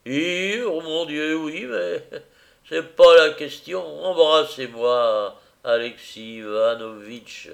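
A man voicing a drunk, overwrought middle-aged man who pleads and mocks in a high, loud, swooping voice. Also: slow, creaky, full character voice. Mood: agitated.

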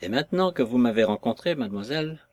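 A male reader playing an older lawyer who stays calm, measured and unmoved. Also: medium pitch, lightly acted. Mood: cold calm.

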